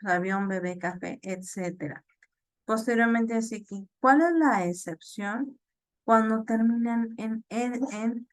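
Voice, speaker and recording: Lady teacher, really slow, lots of ehs and repeats, dry room. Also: medium pitch, no room sound. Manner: slow, halting explanation with many fillers and repeats; checks understanding with "ok?". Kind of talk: online class lecture.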